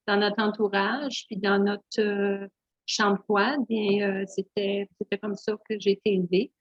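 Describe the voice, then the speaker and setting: A middle-aged naturopath from Northern Ontario, Canada, speaking Franco-Ontarian French, tells her story as an interview guest. She is simple and candid but hesitant, searching for words with many soft fillers and small restarts. Her mid-range voice sounds dull and muffled in a dry, close, lo-fi recording with no room sound.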